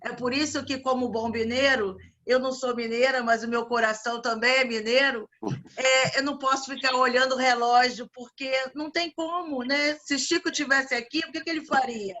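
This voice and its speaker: A woman organizer and evangelizer speaks casually in an online spiritual meeting over video call, her voice high-pitched with fairly even intonation at normal speed. She offers warm religious farewells and restarts often.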